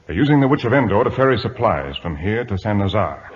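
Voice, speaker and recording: An actor playing a resolute, courteous British naval captain in measured, commanding old-time radio drama style. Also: male voice, lowish voice, very animated. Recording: muffled old radio broadcast, reverberant, hissy.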